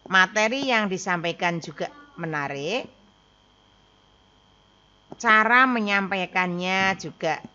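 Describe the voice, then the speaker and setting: A woman's voice: mid-range voice, sharp tone. A woman teacher from Indonesia explaining speech writing to her pupils step by step, calling them children. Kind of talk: classroom lesson recording. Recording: dull lo-fi recording.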